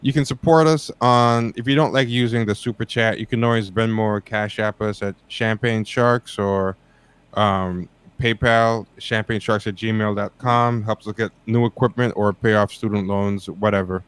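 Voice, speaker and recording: A man's voice: on the low side, moderate pace, clean tone, dry recording. A man hosting a casual livestream podcast, talking loosely with fillers as he wraps up. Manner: relaxed, loose wrap-up talk with fillers. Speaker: podcast host.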